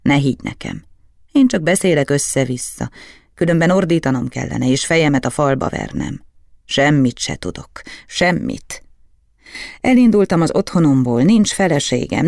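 A man voicing a gruff, bitter old alchemist in an audiobook. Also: fairly high pitch, big pitch swings, a little mellow, no echo, clean studio sound. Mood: weary.

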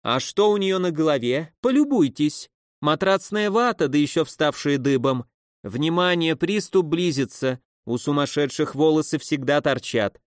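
A man's voice: a little high, expressive, moderate pace, no room sound, clean studio sound, lightly acted. Man voicing a sneering drunken old woman. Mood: mocking. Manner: sneering, scolding, loudly theatrical.

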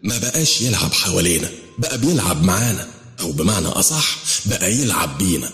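A man's voice: low-pitched, sing-song, fast talker, fairly bright tone, echoey room, in a large hall, soft background music. A man with an Egyptian accent voicing a scheming female jinn queen who warns of a rival. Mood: urgent. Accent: Egyptian Arabic.

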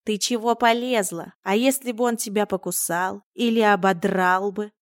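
A woman voicing a proud, protective talking male tomcat in a storybook reading, loud and hissing. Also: medium pitch, steady tone, normal speed, dry recording, clean studio sound, close to an everyday voice. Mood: scolding.

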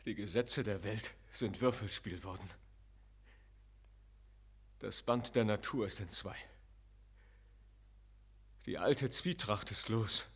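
An actor playing a passionate young robber captain in a classic radio play, speaking with slow, emphatic declamation. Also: male voice, lowish voice, breathy edge, heavily acted. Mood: wrathful.

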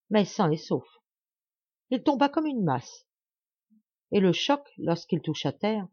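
A woman narrating an audiobook of a classic novel with an expressive, dramatic reading. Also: lowish voice, no room sound, lo-fi sound.

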